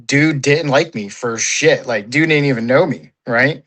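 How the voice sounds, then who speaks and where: A man in a casual sit-down interview, talking at an average pitch. He rambles and leans hard on "you know" and "like," dropping the odd swear word along the way. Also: unhurried, a bit bright, poor audio. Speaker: paintball player, interview guest.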